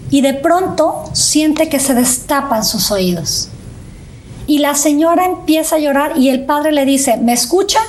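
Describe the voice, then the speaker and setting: High-voiced woman telling a story. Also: unhurried. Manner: animated storyteller, acts out quoted voices. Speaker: host. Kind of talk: casual faith chat, storytelling.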